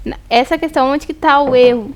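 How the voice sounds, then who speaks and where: A woman's voice: high-pitched, a little fast. A woman co-hosting a casual church podcast, prompting the pastor with light, playful questions. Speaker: podcast co-host. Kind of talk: casual chat.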